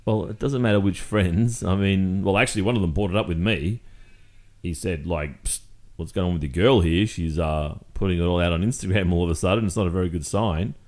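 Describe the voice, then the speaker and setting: In an intimate ASMR roleplay, a man with an Australian accent plays a jealous, fed-up young boyfriend confronting his girlfriend, speaking haltingly and conversationally. His natural voice is deep and darkish, and he sounds exasperated.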